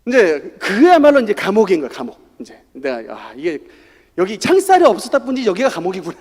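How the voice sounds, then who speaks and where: A middle-aged male pastor gives a Sunday sermon with personal testimony, telling his story in a lively, swinging intonation. His voice is high for a man, leaps around a lot, and comes out fast and slightly rough. The church sanctuary wraps it in a long, hanging hall reverb.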